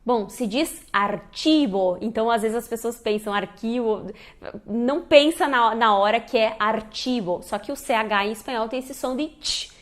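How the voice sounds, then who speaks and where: A woman's voice: fairly high pitch, moderate pace, hardly any pauses. A young woman hosts a casual online lesson and quizzes the viewer as she goes. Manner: lively, quizzes the viewer, gives spoken examples. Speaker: Spanish teacher, channel host.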